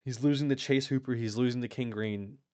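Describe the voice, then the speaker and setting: A man's voice: mid-range voice, steady tone, fairly quick, dark tone, no echo. A man giving casual, opinionated commentary on fighters, talking in a rambling way with lots of swearing and restarts. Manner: rambling, profane, frequent restarts. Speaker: YouTube MMA commentator.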